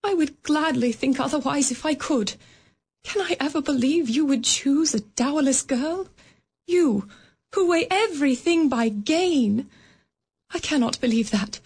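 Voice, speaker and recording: A woman playing Belle, a young woman gently and earnestly releasing her fiancé in a radio drama. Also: high voice, expressive, measured pace. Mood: sorrowful.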